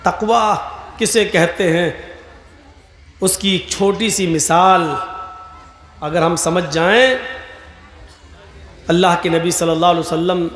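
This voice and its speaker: A man preaching a sermon at a religious gathering, animated and swinging between loud emphasis and soft asides. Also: high-pitched, pauses often. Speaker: Islamic preacher. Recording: echoey hall, faint noise.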